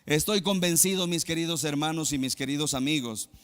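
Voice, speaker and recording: A male pastor from Mexico preaching a sermon, moving between loud emphatic exclamations and quiet low asides. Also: a little fast, clean tone, long reverb tail.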